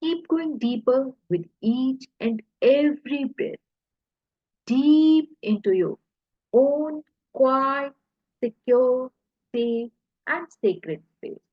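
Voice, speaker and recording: A woman leads a hypnosis relaxation with a breathy, husky voice pitched high, speaking very slowly. Soothing and measured, she breaks her words into short phrases with pauses, and the audio is slightly muffled and echoey.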